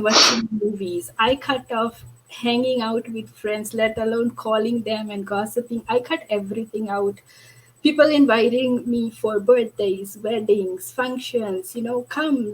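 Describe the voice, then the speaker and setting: A woman's voice: fairly high pitch, slightly rough, poor audio. A woman from Fiji, telling her own business story on a panel in an earnest, candid way, with many fillers. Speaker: online business owner on a panel. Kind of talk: personal story in a panel discussion.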